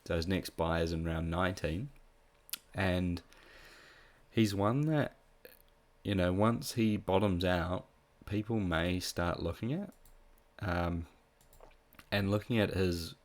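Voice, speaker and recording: A man with a nasal voice from being a bit sick, talking through fantasy tips in a relaxed, casual way with plenty of ums. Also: sits low, takes it slowly. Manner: relaxed, with frequent ums and restarts. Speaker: fantasy football tipster. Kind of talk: casual solo analysis.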